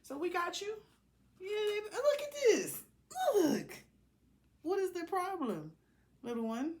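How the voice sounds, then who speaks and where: This tarot reader's voice is very high and very animated, yet she speaks slowly with a darkish tone. Leading a collective reading, she improvises loosely, talking colloquially to the cards and to herself.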